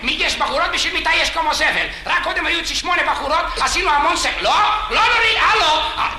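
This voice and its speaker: A comedian playing a boastful womanizer who brags on the phone and breaks into frantic shouting. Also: extremely high pitch, lively intonation, echoey room, voice pushed up, exaggerated voice, rough recording. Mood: panicked. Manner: rapid bragging chatter breaking into frantic shouts. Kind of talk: comic sketch.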